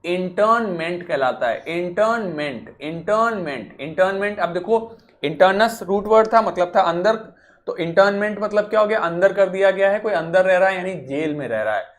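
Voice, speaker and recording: A man's voice: high-pitched, lively intonation, normal speed. A male teacher giving a vocabulary lesson, who repeats key words and keeps asking the class rhetorical questions.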